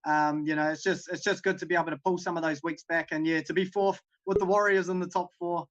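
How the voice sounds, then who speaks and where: A man with a broad Kiwi accent talks quickly in a high, level voice. He is humble and casual as a guest, heard over slightly dull, lo-fi audio. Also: steady tone. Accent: New Zealand. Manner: humble, appreciative. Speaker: guest, online racing driver. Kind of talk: casual interview chat.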